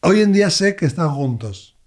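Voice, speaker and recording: A man, a medium, telling expressive stories as an interview guest. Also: on the high side, normal speed. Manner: expressive, animated anecdotes. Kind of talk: conversational storytelling.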